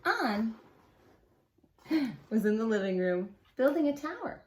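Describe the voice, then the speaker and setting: A woman's voice: a little high, very animated, slow pace. A woman and preschool teacher reading a children's story aloud expressively and asking the listeners questions.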